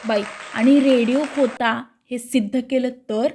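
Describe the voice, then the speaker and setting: A woman's voice: fairly high pitch, fairly even intonation, a little slow, warm tone, some chatter behind, slight background noise. A woman reading the part of a quarrelsome middle-aged housewife with a scolding tongue.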